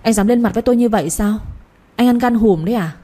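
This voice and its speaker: A woman doing a shrill jealous young wife. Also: fast, dark tone, lightly acted. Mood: furious. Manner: shrill, accusing.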